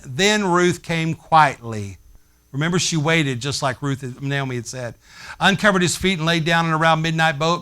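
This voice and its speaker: A male pastor delivers a sermon with a high-pitched voice and a bright, forceful edge. His delivery is animated and conversational, as if he is talking with the congregation face to face. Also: clear, resonant tone. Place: church sanctuary.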